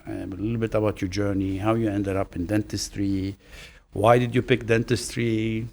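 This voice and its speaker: A man hosting a casual podcast interview, talking haltingly and often repeating or restarting words. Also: on the low side, level tone, creaky, a little mellow, slight background noise. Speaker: podcast host.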